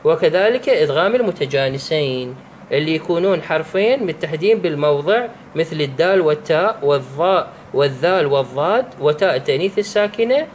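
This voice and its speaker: A man with an Iraqi Arabic accent teaching the rules of Quran recitation, drawing out each example slowly and pausing to restart his sentences. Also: a little high, expressive, a little hiss or hum. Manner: slow, drawn-out recitation of examples; halting, with restarts and fillers. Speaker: religious teacher.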